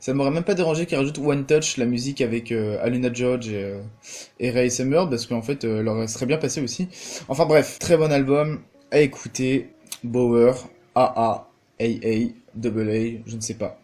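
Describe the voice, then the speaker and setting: A man's voice: mid-range voice, normal speed, a little mellow. A young man hosting a casual spoken album review, chatty and enthusiastic, with lots of "euh" fillers. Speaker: music reviewer, channel host.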